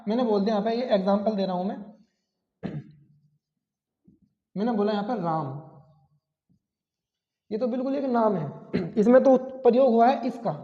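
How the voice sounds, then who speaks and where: The male teacher's voice sits high, and he talks at a moderate pace with frequent pauses. His exam-prep grammar lesson leans on repeated key terms and rhetorical questions, recorded with dull, echoey, lo-fi classroom acoustics.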